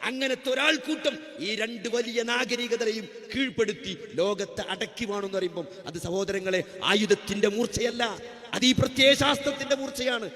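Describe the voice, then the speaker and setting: A man's voice: high voice, normal speed, sharp tone, big-room sound. A man preaching a sermon, impassioned, repeating phrases and asking rhetorical questions. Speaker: Islamic preacher.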